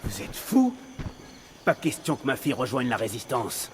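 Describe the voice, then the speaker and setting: A man's voice: mid-range voice, very animated, moderate pace, slight background noise, lightly acted. An actor playing an anxious father guiding rebels. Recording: game audio, street ambience behind.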